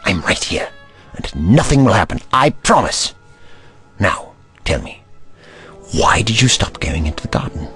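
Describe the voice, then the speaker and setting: Man acting a curious gentleman doctor, lowish pitch, animated intonation, courteous, theatrical, audio drama. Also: measured pace, pauses often, slightly rough, soft background music, full character voice. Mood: gentle, probing. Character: curious, kindly, slightly pompous gentleman Doctor.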